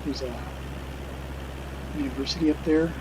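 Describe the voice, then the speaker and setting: A middle-aged man narrates his flight simulator game casually. He is musing and hesitant, in a slightly higher than average voice, with noticeable engine drone behind him. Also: background noise. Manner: hesitant, musing, unhurried reminiscing. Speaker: video game streamer flying a simulator. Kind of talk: casual unscripted gameplay commentary.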